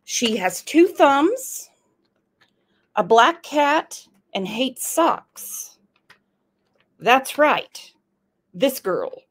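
A middle-aged woman hosts a casual live-stream chat. She talks in a playful, exclamatory way, at a leisurely pace, in a voice that sits a bit high. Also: big pitch swings, extremely slow, pauses often, husky. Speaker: host of a live true-crime channel.

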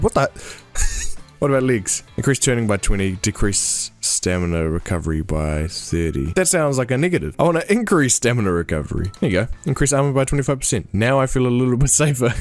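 An excitable young man talks over his game, his pitch jumping all over as things happen on screen. He laughs a lot and keeps calling the viewer "bro". Faint music plays underneath. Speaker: gamer. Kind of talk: casual gameplay commentary.

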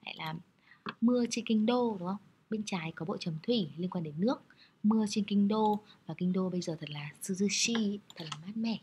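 A woman's voice: mid-range voice, moderate pace, dark tone, a little hiss or hum. A woman teaching Japanese characters, explaining patiently in a friendly, step-by-step way. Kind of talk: explaining lesson over slides.

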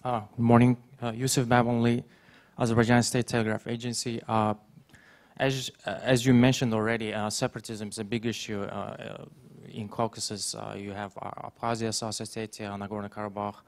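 Audience journalist, man, low monotone, smooth, halting. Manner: halting, frequent uh fillers. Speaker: journalist asking a question. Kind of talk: audience question.

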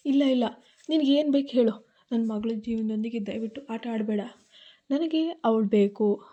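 A woman's voice: fairly high pitch, normal speed, mellow, lo-fi sound, lightly acted. A woman voicing a middle-aged father who pleads anxiously to save his daughter. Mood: pleading.

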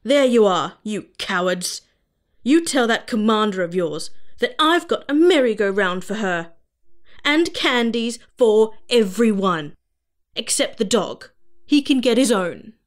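A woman's voice: on the high side, lively intonation, unhurried. A woman voicing a burly, short-tempered male space captain who barks orders and bellows threats. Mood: raving.

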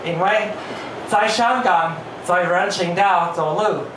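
An older man with a foreign, non-native Mandarin accent doing stand-up comedy in a halting, word-repeating way. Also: high voice. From Western country. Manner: halting, repeating words as they search for phrasing. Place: small comedy bar, indoors. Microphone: handheld stage mic, heard through distant camera. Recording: echoey, noisy bar recorded from far off.

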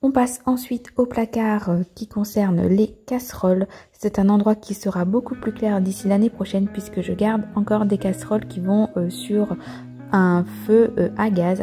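Young woman, mid-pitch, casual home-vlog voice-over with soft music underneath; chatty, hesitant, tip-sharing. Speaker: cleaning vlogger. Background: background music.

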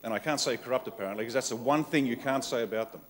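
An Australian man speaks very fast in a mid-range voice, giving a political keynote to a live audience in a conference hall. His style is blunt and wry, built on short punchy phrases.

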